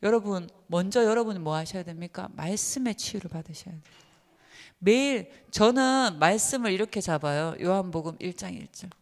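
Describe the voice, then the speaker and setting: A woman giving a seminar lecture to church teachers, emphatic and lively, often putting questions to her listeners. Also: lowish voice, fairly quick. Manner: lively and emphatic, asks the audience many questions. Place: church hall. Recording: long reverb of a church hall.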